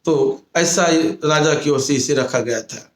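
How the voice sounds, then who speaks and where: A man, a Buddhist monk, telling a moral story in a sermon, retelling it slowly and often restating his phrases. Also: on the high side, echoey room.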